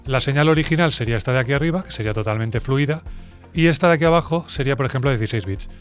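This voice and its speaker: Fast-talking Spanish music producer. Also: male voice, medium pitch. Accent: Spain Spanish. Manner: brisk, chatty and explanatory, speaking straight to viewers. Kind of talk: explainer video.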